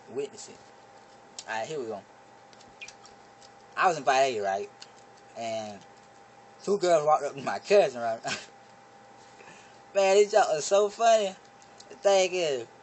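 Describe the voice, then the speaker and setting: A teenage boy hosting his own comedy video, telling a story in an excitable, animated way, his voice jumping high when he acts out what people said. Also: slight background noise. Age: teens. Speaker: vlog comedy host.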